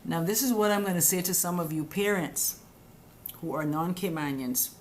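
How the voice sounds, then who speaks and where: On a live stream picked up by a webcam or phone, a woman with a fairly low voice talks at normal speed over slight background noise. She's answering comments in a casual explainer about immigration rules, calling viewers "guys" and scolding them in a direct, chatty way.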